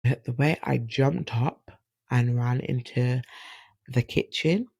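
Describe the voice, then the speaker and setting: A woman hosting a solo podcast, telling stories in an animated, chatty way. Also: extremely low pitch, slow, creaky, breathy edge, no room sound. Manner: chatty, animated, acts out quoted dialogue. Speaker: podcast host. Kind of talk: casual solo podcast storytelling.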